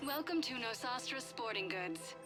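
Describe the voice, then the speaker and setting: A courteous store kiosk announcer reads shop advertisements in a smooth, pleasant sales tone, voiced by a woman. Her voice sits a little high. Music plays clearly underneath. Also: lively intonation, normal speed, lightly acted.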